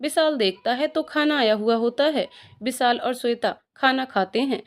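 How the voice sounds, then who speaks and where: A woman's voice: fairly high pitch, normal speed. A woman storyteller reading an emotional romance story. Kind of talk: scripted story narration.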